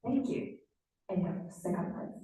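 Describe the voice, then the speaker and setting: A woman's voice: mellow, distant mic. Young woman orator, very echoey hall. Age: young adult. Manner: emphatic, dramatic oratory with pauses. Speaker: student speech contestant. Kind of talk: rehearsed formal speech. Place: large indoor hall on stage.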